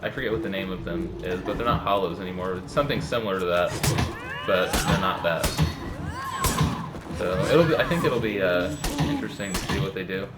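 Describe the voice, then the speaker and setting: A man with a lowish voice talks quickly and casually as he plays a game. The sound is roomy and echoey, with loud music. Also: expressive, heavy background noise. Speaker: gaming video co-host. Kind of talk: casual chat while playing.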